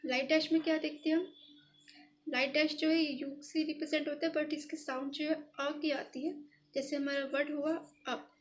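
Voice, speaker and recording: High-voiced woman teaching patiently. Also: fairly even intonation. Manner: patient, repeats each step slowly. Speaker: shorthand teacher. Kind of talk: step-by-step tutorial explanation.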